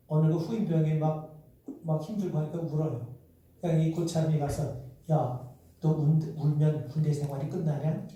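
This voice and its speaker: Middle-aged male pastor, mellow dark tone, sermon with rhetorical questions, distant mic in a reverberant church. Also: a little high. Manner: acts out quoted voices in dialogue. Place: church sanctuary. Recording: echoey church from far off.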